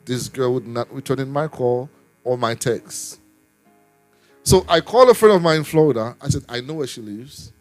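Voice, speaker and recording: Earnest man telling a story over soft music. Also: mid-range voice, lively intonation, moderate pace. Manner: earnest storytelling with repeated words. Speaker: apostle and minister. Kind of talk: personal testimony in a ministry talk.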